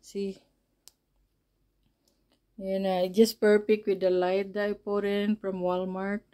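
A woman chatting casually as she shows off her home basement, halting and often searching for words. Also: medium pitch, flat delivery, dark tone, clear, resonant tone. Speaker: vlogger. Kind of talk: casual home tour chat.

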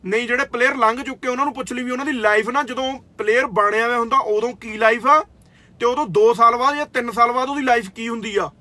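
Brief: young Indian Punjabi man, kabaddi player, confrontational scolding rant, very high, sharp bright voice. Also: fairly even intonation, fast, dry recording. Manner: confrontational, scolding, swears, repeats "theek aa". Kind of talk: angry direct-to-camera rant.

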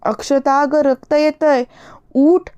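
A caring young man with a soft, tender manner, voiced by a woman narrator, his high voice teasing gently. The sound is close and dry, the way an audiobook is recorded. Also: steady tone, slow pace, no echo, muffled recording.

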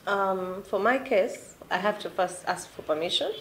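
A woman's voice: medium pitch, moderate pace, slight background noise. Earnest woman guest in an echoey room.

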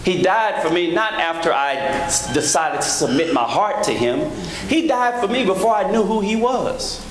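A man in his thirties preaching a sermon from a church pulpit on a handheld microphone, rhythmic, rising to emphatic high peaks, with joking asides to the congregation. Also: very animated, moderate pace, a crowd in the background. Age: 30s. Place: large church sanctuary, at a pulpit. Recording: echoey church hall with background noise.

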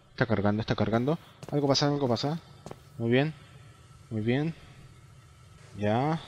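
A man's voice: fairly high pitch, a little hiss or hum. A young man with a Chilean accent giving nervous, jumpy commentary while playing a horror game. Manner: jumpy, nervous, talks to himself. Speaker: gamer.

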